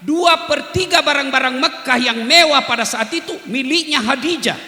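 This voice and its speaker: A man preaching a lively sermon, switching between loud exclamations and slow, hushed recitation. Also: extremely high pitch. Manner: animated, swings from shouting to slow hushed recitation and singing. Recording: echoey hall, long reverb.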